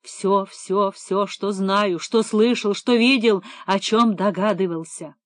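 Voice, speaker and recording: Woman reading a hysterical man, pleading, wailing, slow drawn-out words, dry close sound. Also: mid-range voice, steady tone, no echo, natural voice. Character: distraught male embezzler, hysterical, broken.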